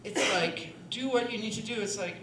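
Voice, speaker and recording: A woman's voice: fairly high pitch, brisk. A woman who is a singer and voice teacher, talking on a panel and demonstrating breathing in a chatty, demonstrative way, often asking "right?". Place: performance hall. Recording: echoey hall with steady noise.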